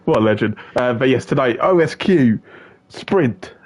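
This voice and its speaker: A man's voice: mid-range voice, lively intonation, moderate pace. A man commentating a live online racing league stream, chatty and full of fillers as he greets viewers. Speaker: race commentator.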